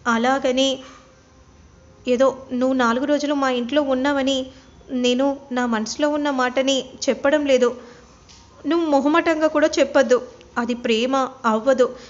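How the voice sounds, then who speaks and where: A woman's voice: high-pitched, steady tone, moderate pace, long pauses, close to an everyday voice. A woman voicing an earnest, lovesick young man who keeps pleading for an answer, in a retold serial story. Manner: pleading, insistent. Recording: dull lo-fi recording.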